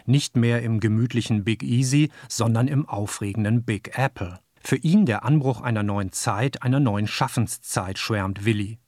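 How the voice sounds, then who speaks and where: A man reading scripted radio narration and voicing over an interviewee's words in an even, measured way. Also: medium pitch, no room sound. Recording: dry studio voice.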